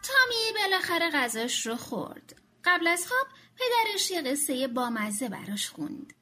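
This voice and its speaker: A woman reading a children's bedtime story aloud in an expressive, animated way. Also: very high voice, soft background music.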